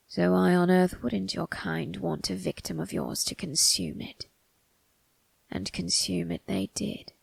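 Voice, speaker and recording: A woman voicing a sinister, amused, ageless male grim reaper turned undertaker in an ASMR roleplay, breathy and gravelly, often dropping into a whisper, with a theatrical, teasing delivery. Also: fairly low pitch, darkish tone, no room sound, heavily acted. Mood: amused, menacing. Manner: slow, theatrical, teasing, morbidly musing. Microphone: close microphone, dry.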